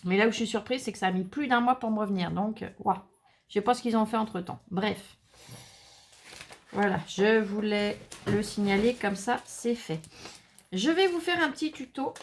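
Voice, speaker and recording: A woman's voice: medium pitch, normal speed, slight background noise. A woman hosting a casual crafting tutorial, chatting to viewers with many fillers and asides while she works. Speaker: craft channel host.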